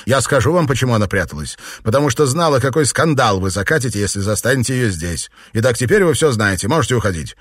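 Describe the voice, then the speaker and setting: A man playing a defiant, sharp-tongued man who fires back quickly and sneeringly in an audiobook. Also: mid-range voice, animated, slightly rough, no echo, clean studio sound, pitched above the performer's own voice.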